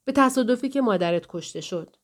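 A woman's voice: a little high, lively intonation. A woman voicing a distressed man pleading with his wife in an audiobook, earnest and pleading. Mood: explaining. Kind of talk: audiobook dialogue reading.

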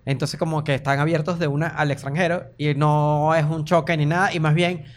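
Chatty Venezuelan man, higher voice. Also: flat delivery, brisk. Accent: Venezuelan Spanish. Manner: chatty, choosing words with care. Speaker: guest comedian. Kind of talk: casual podcast chat.

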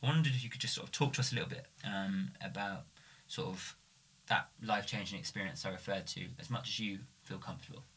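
A man with a lowish voice hosts a podcast, talking fast as he chats casually with guests in an interview. His questions are relaxed and loose, heavy with fillers like "like" and "sort of."

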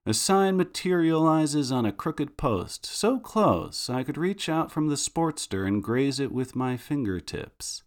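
A man's voice: a little high, animated, unhurried, few pauses. A man reading a first-person serial story aloud, with a dry, sardonic way of telling it. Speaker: narrator. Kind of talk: first-person audiobook narration of serial fiction.

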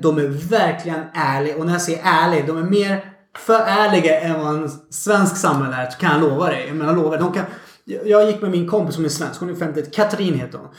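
A man chatting casually as a podcast guest, an animated storyteller who swears freely. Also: fairly high pitch. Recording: echoey room.

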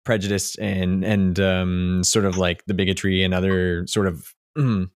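A man's voice: low voice, little pitch movement, measured pace, no echo, clean studio sound. A man hosting a podcast interview, asking long rambling questions full of fillers. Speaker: podcast host. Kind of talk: casual interview talk.

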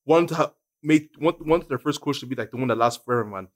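Young man, urban London accent, fast pace, insistent, repetitive, casual group chat. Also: mid-range voice. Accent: London, urban slang. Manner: insistent, repeating himself.

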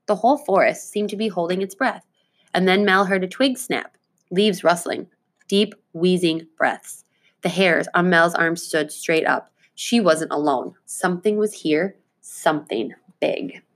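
A woman teacher reading a children's book aloud to her class, with clear, expressive delivery. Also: fairly low pitch, measured pace.

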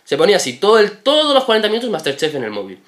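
A young man, casually telling animated stories with lots of fillers and swearing. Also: high-pitched, very fast. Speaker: podcast co-host. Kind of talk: casual storytelling.

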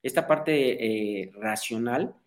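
A man's voice: medium pitch, slow. A man, a psychologist guest explaining ideas in an interview and often checking that the listener follows. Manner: didactic, asks "¿sí?" for agreement, acts out quoted people.

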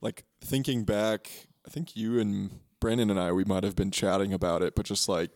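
A man co-hosting a podcast in casual chat, soft-spoken and mostly giving brief agreeing replies. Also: on the low side, steady tone, moderate pace, dry recording, studio quality. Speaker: podcast co-host.

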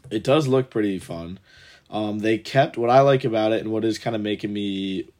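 A man's voice: on the low side, normal speed, darkish tone. A young man co-hosting a gaming podcast, talking loosely with swearing and frequent laughter. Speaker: podcast co-host. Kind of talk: casual gaming podcast chat.

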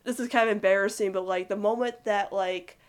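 A young woman gushing about a cartoon couple in rambling, excited casual commentary full of "like". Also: mid-range voice, brisk, smooth. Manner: gushing, rambling, heavy use of "like", giggly. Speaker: cartoon fan reviewer.

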